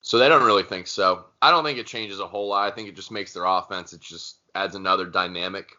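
Casting: male sports co-host, lowish and very sharp, forceful voice, blunt and opinionated, on a dull lo-fi line. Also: fast talker. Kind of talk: casual sports chat. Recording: dull lo-fi sound.

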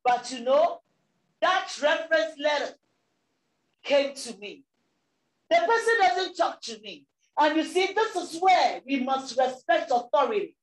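A woman pastor preaching a sermon with emphatic swings between loud declarations and softer asides. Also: high voice, animated, unhurried, reverberant, rough recording.

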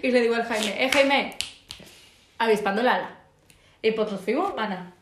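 High-voiced woman, animated storyteller. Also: normal speed, slight background noise. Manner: animated, slangy, acts out quotes. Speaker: podcast co-host. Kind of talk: casual storytelling chat. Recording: echoey room.

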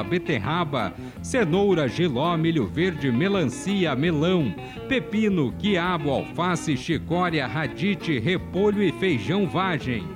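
Male presenter, animated fairly high voice, formal scripted reading over a clear music bed. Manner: formal, announcer-like. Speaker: radio programme presenter. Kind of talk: scripted news narration.

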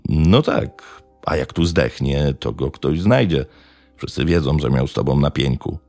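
Man voicing an uneasy village schemer, slow, muttering, gravelly. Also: a bass voice, a little mellow, no echo, soft background music, full character voice.

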